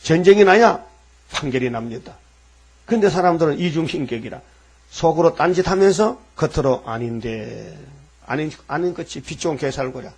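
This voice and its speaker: A man's voice: on the high side, lively intonation, a little fast, darkish tone, slightly rough. A man preaching a sermon in a colloquial style, asking the listeners rhetorical questions and acting out the voices in the scripture. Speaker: pastor.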